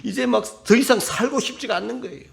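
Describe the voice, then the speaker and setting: A middle-aged male pastor preaching a sermon in a church, his talk swinging between soft, low musing and loud, shouted bursts. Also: fast talker, creaky. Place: church sanctuary.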